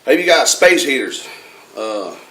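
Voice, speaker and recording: For a prank phone call, a man puts on a folksy, rambling redneck character with a hesitant drawl. His medium-pitched, slightly bright voice is very animated at a moderate pace, and it's recorded from far off in a noisy, echoey room.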